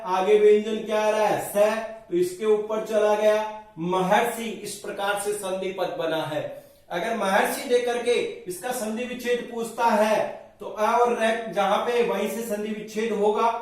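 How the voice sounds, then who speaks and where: A man teaching Sanskrit grammar in a lecture, explaining step by step and asking and answering his own questions. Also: high-pitched. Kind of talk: classroom lecture at a board. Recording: very echoey room, mic far off.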